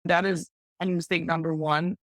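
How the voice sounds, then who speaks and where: Speaking at a moderate pace with a flat delivery, this lowish-voiced woman is a podcast guest offering hands-on e-commerce tips. She's enthusiastic and talkative, filling her casual interview answers with plenty of "like," and the audio has no echo.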